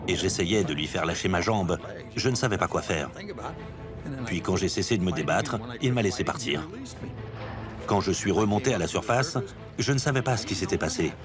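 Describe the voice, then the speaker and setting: A man's voice: low-pitched, moderate pace, long pauses, over music. A man telling a first-person story as a documentary interviewee. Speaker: interviewee, shark attack survivor.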